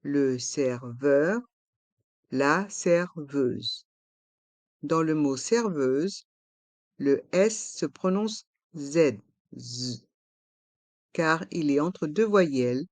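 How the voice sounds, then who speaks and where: Slow, careful pronunciation teacher. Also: medium pitch, animated, a little mellow, no echo. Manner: carefully articulated, drills each word several times. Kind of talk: pronunciation lesson with slow repetitions.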